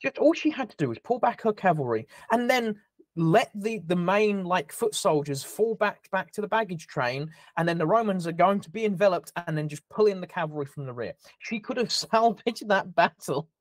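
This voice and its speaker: A man co-hosting a casual history podcast, talking excitedly and tripping over his words. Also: high-pitched, normal speed, no room sound. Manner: excitable, stumbles and repeats words. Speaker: podcast co-host.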